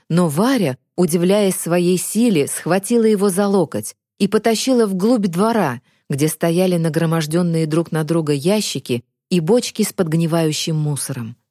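A woman narrating a storybook in a calm, even telling. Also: on the low side, no echo, studio quality. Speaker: audiobook narrator. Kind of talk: scripted narration.

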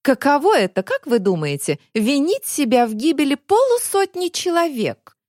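A woman's voice: high voice, very animated, moderate pace, darkish tone, no room sound, clean studio sound, voice pushed up. A woman voicing a scornful middle-aged male inspector, a cold villain with a mocking, theatrical manner in an audiobook. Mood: bitter.

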